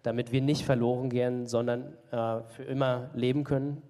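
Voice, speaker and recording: A man's voice: medium pitch, little pitch movement, normal speed, warm tone. A man interpreting a sermon live, hesitant, with many fillers and self-corrections. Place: church hall. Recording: long church hall reverb.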